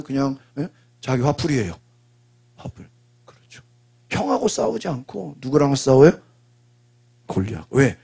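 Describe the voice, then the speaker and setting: Raspy gravelly Korean pastor preaching. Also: male voice, fairly high pitch, a little mellow. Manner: call-and-response preaching, frequent prompting asides. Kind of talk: sermon.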